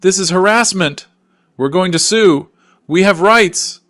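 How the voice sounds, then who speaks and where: A man's voice: animated, slow, creaky, fairly bright tone, no echo, clean studio sound, heavily acted. A man voicing a frantic adult daughter who screams her protests. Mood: furious. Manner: screaming, shrill.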